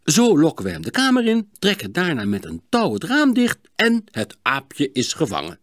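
A man's voice: on the high side, moderate pace, no room sound, pitched above the performer's own voice. A patient, clever doctor, as a man reading aloud puts him on, explains his plan in a raised, instructive voice that rises and falls a lot. The recording is close and dry, an audiobook read with no room sound. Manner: calm, instructive, raised and bright.

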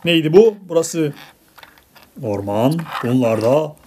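This parent hosting a toy unboxing has a deep, dark voice with lively intonation and a slow pace. She chats casually with a child and viewers, playfully exasperated, at a table indoors, captured in a clearly noisy home recording with clicks.

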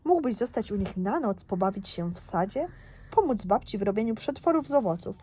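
A woman's voice: medium pitch, animated, fairly quick, dark tone, slight background noise, close to an everyday voice. Woman reading as a coaxing mother. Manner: coaxing, read aloud. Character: patient mother coaxing her son.

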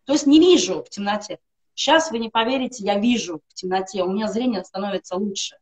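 A middle-aged woman with a mid-range, darkish voice speaks fast as a live-stream guest. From a room at home on a video call, she gives an earnest testimonial for a wellness product, full of emphatic lists.

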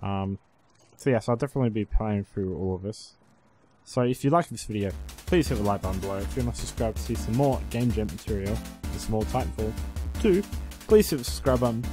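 A man's voice: on the low side, expressive, fairly quick, warm tone. A man hosting a gaming video with casual gameplay commentary. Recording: game music behind the voice. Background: game music and sound.

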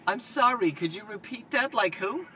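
A man's voice: animated, normal speed. A man voicing a chatty, easily flustered older woman who talks over people with condescending endearments on an improvised prank call. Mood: confused. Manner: interrupting, calls listener sweetheart and honey. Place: inside a parked car. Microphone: camera across the front seat. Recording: noisy car interior, vehicle rumble.

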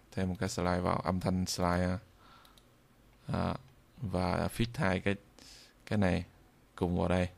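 Speaking off the cuff in a screen-recorded tutorial, a man with a southern Vietnamese accent shows viewers software one step at a time. He has a low voice with a gravelly creak and tends to halt and repeat himself as he demonstrates.

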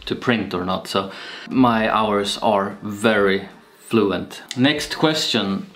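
A young man with a Swedish accent, talking slowly and casually to camera in a home vlog, with many pauses and fillers. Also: lowish voice. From Sweden. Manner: slow and relaxed, with frequent pauses and fillers. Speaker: YouTuber. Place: small home room with shelves, indoors. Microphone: camera-mounted shotgun mic.

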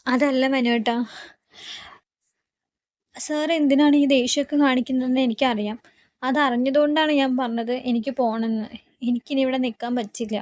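A woman's voice: high voice, steady tone, normal speed, long pauses, a little mellow, no room sound, lightly acted. A woman voicing a remorseful young woman who pleads to be let go from a household in a retold TV serial. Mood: confessing. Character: young woman, guilt-ridden and desperate to leave.

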